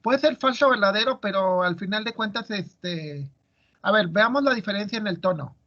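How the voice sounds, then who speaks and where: Male teacher, high voice, quizzing his students, muffled audio. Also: expressive, moderate pace, bright, forceful tone. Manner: asks students questions, explains step by step. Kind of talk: classroom lecture.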